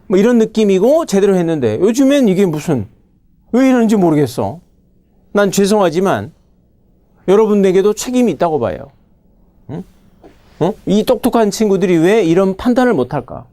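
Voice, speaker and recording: A man's voice: high voice, dark tone, dry recording. A middle-aged man lecturing on English vocabulary, scolding students with rhetorical questions and prodding "huh?" tags. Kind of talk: recorded classroom lecture.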